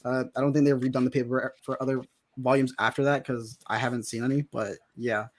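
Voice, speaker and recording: A man chatting casually as a podcast guest, excitable and rambling, with many restarts. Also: mid-range voice, brisk. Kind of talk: casual chat.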